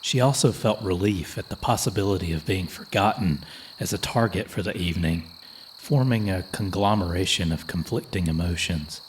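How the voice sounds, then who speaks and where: A man reading a folklore horror story as a slow, measured, solemn scripted narration. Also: low-pitched, slight background noise. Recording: music playing under the voice.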